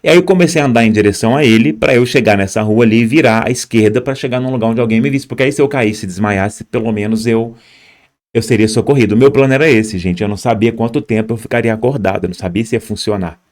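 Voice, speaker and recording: A man's voice: medium pitch, fast talker, a little mellow. A young man tells his own story as an immigrant, speaking straight to viewers and pointing at footage on screen. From Brazil. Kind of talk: personal storytelling.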